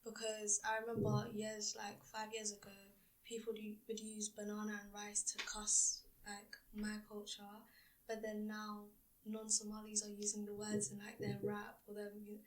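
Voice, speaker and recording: A woman's voice: medium pitch, monotone, moderate pace, distant mic, rough recording. A teenage female student chatting casually in a school podcast, with frequent "like" fillers. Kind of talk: casual discussion.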